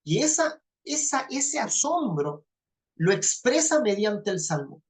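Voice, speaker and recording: A woman teaches a Bible class in a medium-pitched, sing-song voice at a slow pace. She repeats phrases for emphasis and keeps checking that her listeners follow with a frequent "¿ya?"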